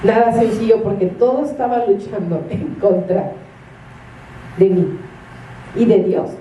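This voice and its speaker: A woman's voice: mid-range voice, measured pace, dark tone, slight background noise. A woman, a minister preaching a sermon and telling stories with acted-out quotes and laughter. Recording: echoey room from a distance.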